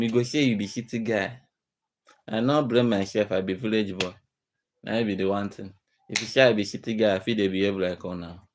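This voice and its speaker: A man's voice: on the low side, a little mellow. A man with a Nigerian accent giving informal advice in a Nigerian Pidgin manner, earnest and admonishing, repeating himself for emphasis. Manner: earnest, admonishing, rhetorical repetition. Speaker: speaker giving community advice.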